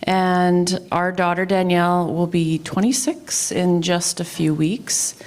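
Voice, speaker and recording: Steady woman from Canada. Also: fairly low pitch, slow pace. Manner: plain, steady self-introduction. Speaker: parent panelist.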